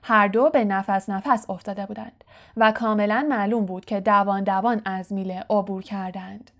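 A woman reading a novel aloud as an audiobook narrator, steady and clear. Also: mid-range voice. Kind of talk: scripted narration.

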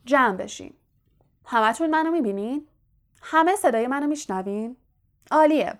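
A woman's voice: high-pitched, animated, voice pushed up. A woman voicing a vain, boastful male wizard teacher in an audiobook, talking in a showy, self-satisfied way and projecting grandly. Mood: showing off. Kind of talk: audiobook character voice.

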